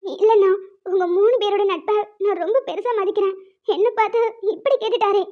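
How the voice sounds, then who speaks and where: A woman's voice: very high voice, quick pace. A woman voicing a young village woman who pleads and cries when she is accused. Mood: tearful. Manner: pleading, tearful. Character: young village woman Kaviya, tearful, hurt. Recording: muffled lo-fi sound.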